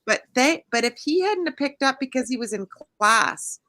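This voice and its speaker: A woman co-hosting a casual podcast chat, telling stories in an animated, chatty way. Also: high-pitched, moderate pace. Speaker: co-host.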